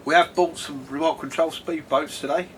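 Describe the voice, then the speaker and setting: A man's voice: fairly high pitch, fairly even intonation, normal speed, fairly bright tone. Southern English man vlogging, wind on mic. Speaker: host. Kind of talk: casual vlog chat. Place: outdoors on a windy day. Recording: windy outdoor mic, noisy, distant.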